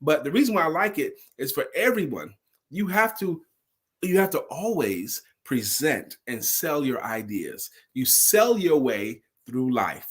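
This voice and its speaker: A man with a higher-leaning, slightly rough voice tells his story in an unhurried, very animated way. He's a storyteller and sales speaker who keeps it informal and emphatic, repeating key phrases to drive them home and acting out the dialogue as he retells it.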